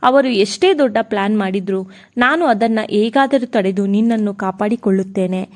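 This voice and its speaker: A woman's voice: mid-range voice, normal speed, darkish tone, close to an everyday voice. A woman voicing a loving young husband in a storybook tale, speaking in a soothing, reassuring way.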